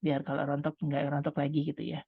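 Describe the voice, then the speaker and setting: Middle-aged woman, low voice, chatty testimony talk, heard over a tinny video call line. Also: completely flat delivery, fast talker, breathy edge, no room sound. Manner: chatty and conversational, addresses listeners as friends. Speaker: speaker sharing a testimony. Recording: tinny phone-like line, dry sound.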